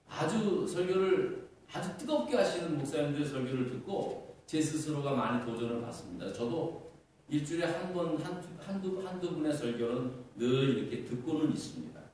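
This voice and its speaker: A man's voice: a little high, a little mellow, slight background noise. A middle-aged male pastor delivering an earnest sermon, asking rhetorical questions and using fillers. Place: church sanctuary. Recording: echoey church hall, far from mic.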